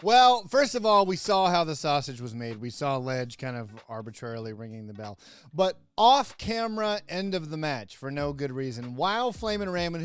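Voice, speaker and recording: A man's voice: on the high side, fairly bright tone, clear, resonant tone. Sarcastic man reviewing old wrestling. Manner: sarcastic, laughing asides, mock outrage. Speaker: host, wrestling commentator. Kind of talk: comedic review commentary.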